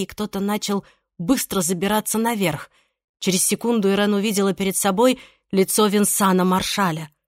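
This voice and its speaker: A woman narrating an audiobook in a steady, measured way. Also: mid-range voice, no echo, studio quality. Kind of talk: scripted narration.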